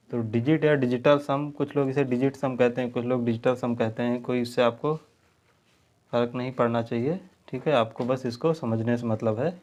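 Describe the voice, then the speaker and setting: A man's voice: mid-range voice, darkish tone. A man teaching maths at a board, explaining step by step and often checking in with his students. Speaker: math teacher. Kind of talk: video lesson at a board.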